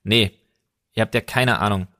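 A young man on a podcast, ranting deadpan in mock earnest about wild conspiracies in casual chat. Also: fairly low pitch, normal speed. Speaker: podcast host.

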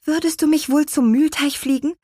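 A woman's voice: sits high, steady tone, normal speed, a little mellow, no echo, studio quality, voice pushed up, close to an everyday voice. A woman voicing a small, cheerful young apple witch girl in a children's audiobook. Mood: eager.

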